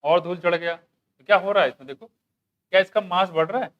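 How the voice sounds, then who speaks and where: A man teaching a biology class, asking students questions, joking and reading textbook lines slowly. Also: high voice, lo-fi sound. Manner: asks students questions and jokes, mixing Hindi with English textbook lines; slows down to read English lines aloud. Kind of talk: classroom lecture.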